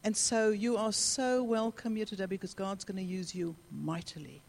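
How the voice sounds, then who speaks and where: A woman, a travelling church speaker, giving an energetic and rousing conference talk. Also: mid-range voice, normal speed, gravelly. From South Africa.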